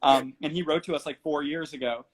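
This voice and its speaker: Animated young man, higher voice. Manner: animated, talks fast with restarts and acted-out quotes. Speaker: musician guest. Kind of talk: casual interview over a livestream.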